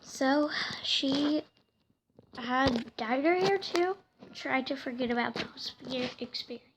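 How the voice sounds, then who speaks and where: A woman telling a home-made story casually, hesitant and soft, often slipping into whispers, with faint noise behind her. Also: high-pitched, slow pace.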